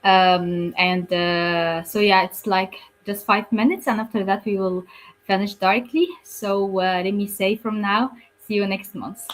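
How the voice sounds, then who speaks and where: A woman's voice: mid-range voice, steady tone, unhurried, poor audio. A woman host from Egypt wrapping up an online episode, thanking guests with many fillers. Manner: warm thanks, filler-heavy. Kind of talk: closing remarks on a webinar.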